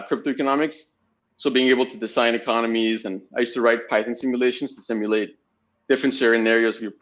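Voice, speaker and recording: Podcast guest: young man from Spain, chatty and meandering, mid-pitched, slightly dull lo-fi sound. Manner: rambling storytelling with frequent fillers. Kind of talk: casual podcast interview.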